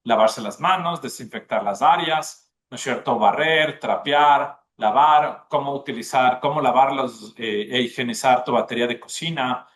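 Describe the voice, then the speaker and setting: A man's voice: mid-range voice, moderate pace, hardly any pauses, fairly bright tone. A man, a gastronomy school dean, explaining at length in a podcast interview and often checking in with the listener. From Ecuador. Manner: explanatory, often tags "¿no es cierto?".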